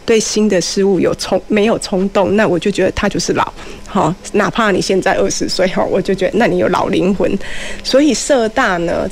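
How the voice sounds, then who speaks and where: Slight background noise sits under this medium-pitched female voice. The speaker is a middle-aged Taiwanese Mandarin-accented woman, a community college teacher guesting on a show, who explains things casually and chattily while mixing in Hokkien and rhetorical questions.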